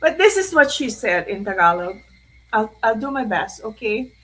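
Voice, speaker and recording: A middle-aged woman with a Filipino accent, hosting an emotional live stream and often clearing her throat. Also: a little high, sing-song, normal speed, sharp tone, low-quality recording. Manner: tearful, often clearing her throat, mixing in Tagalog phrases. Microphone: live stream mic.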